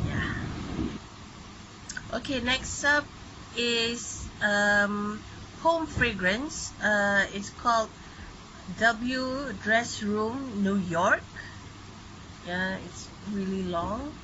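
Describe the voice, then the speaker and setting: A woman's voice: medium pitch, very slow, long pauses. A middle-aged woman chatting casually about products as a vlogger, raising her voice in heavy rain. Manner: raised voice to talk over heavy rain. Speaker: beauty vlogger. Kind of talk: casual product review chat. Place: small bedroom at home. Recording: dull, noisy audio with heavy rain. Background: heavy rain outside.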